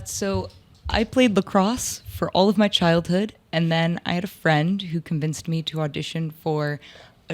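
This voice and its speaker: A woman in her twenties with a low voice tells anecdotes about her life in theater during a casual interview. She talks in a chatty, lively way and scatters "like" through her sentences. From upstate New York. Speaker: theater actor and lighting designer, guest.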